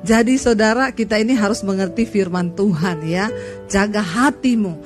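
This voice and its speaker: A woman pastor preaching an animated sermon, acting out quoted people as she tells the story. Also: medium pitch, moderate pace, faint music behind.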